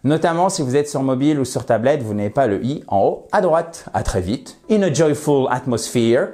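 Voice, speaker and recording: A man's voice: medium pitch, expressive, moderate pace, warm tone. A man teaching an English grammar lesson, patiently repeating words to model their pronunciation.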